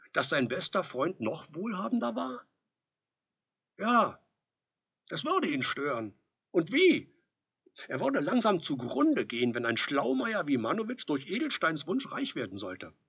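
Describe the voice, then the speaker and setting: A man narrating an audiobook in an expressive, lively storytelling manner. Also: on the high side, a little slow, breathy edge. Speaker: audiobook reader. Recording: dull lo-fi recording.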